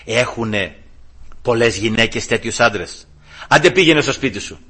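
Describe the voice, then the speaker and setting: A man preaching voices a weary judge, speaking low and dismissively. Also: animated, bright, forceful tone, husky. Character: weary older male judge, gruff and settling.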